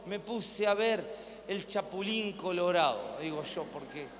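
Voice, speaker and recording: High-voiced Argentine pastor preaching in a hall. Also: male voice, very animated, measured pace, a bit bright. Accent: Argentine Spanish. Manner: emphatic preaching, repeats phrases and calls for amen. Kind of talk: live sermon. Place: church hall with congregation. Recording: hall reverb, faint room noise.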